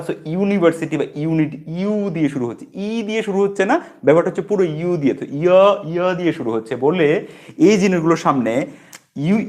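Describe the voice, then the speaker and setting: A man with a Bengali accent and a voice pitched a little above the usual for a man gives an easygoing spoken English lesson. He explains step by step, repeating example words slowly and checking in with "okay". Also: a little mellow. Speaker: English teacher.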